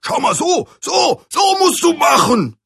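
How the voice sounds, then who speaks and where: A man voicing a sad old male alarm clock who is always late, speaking despondently with a husky, gravelly voice. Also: high voice, slow, dry recording, clean studio sound, full character voice. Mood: urging. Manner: despondent, later urging loudly.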